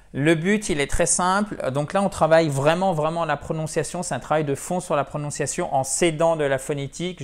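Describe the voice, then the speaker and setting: A French-speaking man giving a video lesson on English pronunciation, drilling words slowly and repeating them. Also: fairly high pitch.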